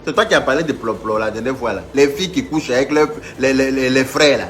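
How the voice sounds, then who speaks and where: A man's voice: mid-range voice, fast talker, a bit bright. A man hosting a live stream, mocking a rival and calling on viewers, stammering through restarts.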